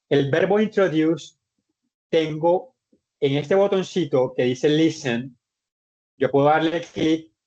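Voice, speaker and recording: A man explains an English lesson to his online class, patient and methodical, often repeating and restarting words. His voice sits at an ordinary middle pitch. The audio is dull and lo-fi, like a computer mic on a video call. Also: a little mellow. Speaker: English teacher.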